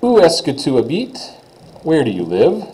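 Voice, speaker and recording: A man's voice: a little high, wildly swooping pitch, normal speed, mellow, voice pushed up, rough recording. A man reading a young student interviewer. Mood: inquisitive. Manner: reads questions aloud then translates them.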